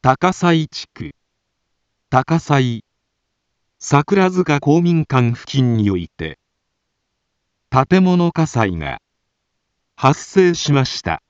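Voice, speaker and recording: A man making a municipal disaster alert over an outdoor public loudspeaker, in slow, deliberate, evenly spaced phrases. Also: fairly high pitch, big pitch swings, dry recording, dull audio. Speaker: municipal emergency announcer.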